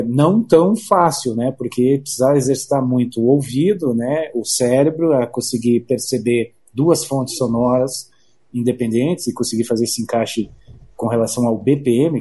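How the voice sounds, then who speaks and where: A Brazilian man talks as an interview guest, explaining his trade casually. His voice is husky and very mellow, at a middling pitch, and he often restarts and adds little tag questions. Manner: halting, frequent "né" tags and repeated words.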